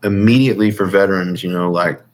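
A military veteran appears as an interview guest, his low voice steady in tone and fast. Casual and earnest, he gives personal testimony informally, circling back over phrases. The recording is rough.

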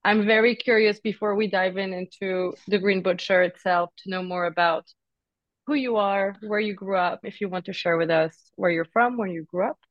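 A woman hosting a podcast, presenting in a measured, carefully phrased way as she introduces and questions a guest. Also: mid-range voice, fairly even intonation, no echo, highs cut off. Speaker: podcast host.

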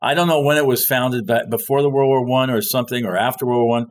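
Speaking fast in a steady, medium-pitched voice, a man born in France and raised overseas shares a long story as a guest. His casual telling rambles, with pauses to hunt for the right words.

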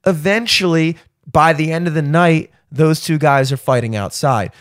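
A man's voice: fairly high pitch, normal speed, dry recording, studio quality. A man guesting on a comedy podcast, telling a rambling, profane story in casual chat.

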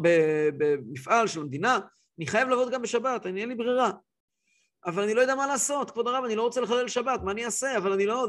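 A man's voice: high-pitched, fairly bright tone. Give me a man playing an anxious poor worker, pleading. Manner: pleading, distressed.

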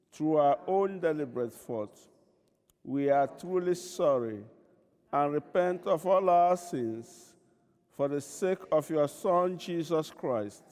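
A man leading a church service as priest, speaking formal liturgy and prayers in a measured, solemn way with a cathedral-like echo. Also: mid-range voice, darkish tone. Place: large reverberant church.

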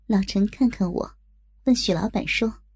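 A woman's voice: mid-range voice, moderate pace, darkish tone, husky. A woman narrating a first-person adult story in a coy, teasing manner.

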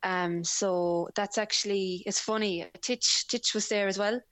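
A woman from County Leitrim with a west of Ireland accent chats casually as an interview guest, telling anecdotes in an easy storytelling way. An amateur cyclist, she speaks unhurriedly in a steady, mid-range, slightly bright voice, with no room sound.

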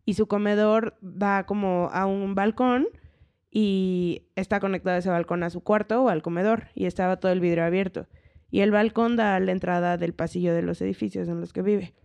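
A young woman with a Mexican accent chatting casually on a podcast with friends. Her voice is mellow and warm rather than bright. She tells anecdotes with animation, slipping into the voices of the people she describes. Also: mid-range voice, moderate pace. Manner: animated storyteller who acts out quoted voices. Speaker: podcast co-host. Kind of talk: casual chat, storytelling.

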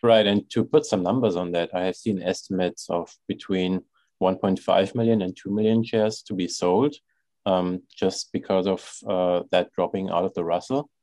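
Deep, mellow male podcast host. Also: moderate pace, no echo. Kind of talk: financial podcast hosting.

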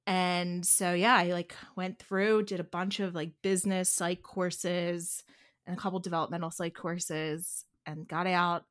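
A woman's voice: lowish voice, flat delivery, unhurried, a bit bright. A woman from the Philadelphia suburbs with a Delco accent, chatting casually and candidly as a podcast co-host. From suburbs of Philadelphia, United States.

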